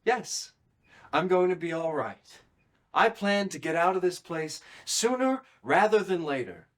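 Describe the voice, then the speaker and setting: An actor playing a young man who insists he will escape his town, speaking low and intense in a low-budget series scene. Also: expressive, a little slow, fairly bright tone. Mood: determined.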